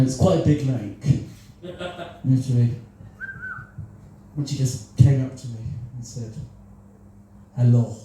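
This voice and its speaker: Cornish man, dark and self-mocking. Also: on the high side, slight background noise. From Cornwall. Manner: self-deprecating, chuckles at his own jokes. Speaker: improv comedian. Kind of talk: solo improvised stand-up storytelling. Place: small live comedy venue with audience. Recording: echoey live room.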